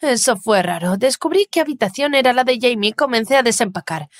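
A woman narrating a first-person animated story in an even storytelling voice. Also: fairly high pitch, brisk, no room sound, studio quality.

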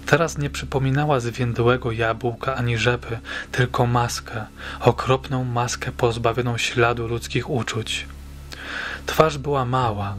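A man narrating a short horror story as an audiobook reader, in a measured, suspenseful storytelling manner. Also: mid-range voice, fairly bright tone. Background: faint background music.

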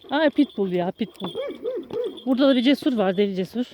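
A vlogger with a slightly high voice walks her dog along a country path, chatting casually and calling to the dogs in a coaxing, affectionate tone. Captured on a handheld phone, the clip has a noisy background.

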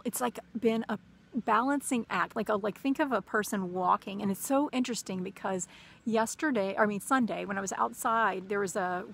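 Woman vlogger, gravelly, mid pitch; rambly and sleep-deprived, casual personal monologue. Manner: rambling, many fillers and restarts. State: short on sleep, caffeinated. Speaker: spiritual vlogger.

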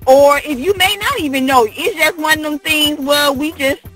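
A woman's voice: high voice, normal speed, a bit bright, faint music behind. A woman in a casual podcast chat who speaks bluntly and profanely, often restarting her sentences as she explains.

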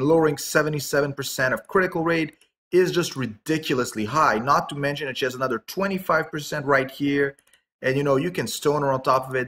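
Man, mid-pitched voice, casual gaming commentary, offhand remarks, reads stats aloud. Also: pushed and bright. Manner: reads skill text aloud, then comments offhand with fillers. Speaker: game update commentator. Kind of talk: casual commentary on game update.

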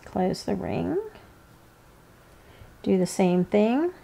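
A woman gives a hands-on tutorial at a slow pace. Her medium-pitched voice is informal and unhurried, and she leaves pauses between the steps as she instructs. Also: animated, vocal fry, dark tone. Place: indoors, seated at a work table.

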